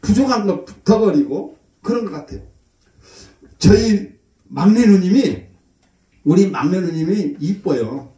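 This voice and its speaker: Folksy, lively Korean man preaching. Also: high voice, measured pace, long pauses. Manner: folksy storytelling, acts out his mother's voice. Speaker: pastor. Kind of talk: sermon. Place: church. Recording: echoey church hall, voice from far off.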